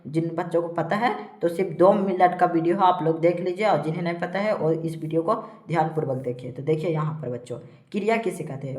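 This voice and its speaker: Woman teacher, Bihari Hindi accent, low voice, slow word-by-word reading, roomy echo. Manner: reads word lists aloud slowly, adds frequent "theek hai". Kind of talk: classroom lesson.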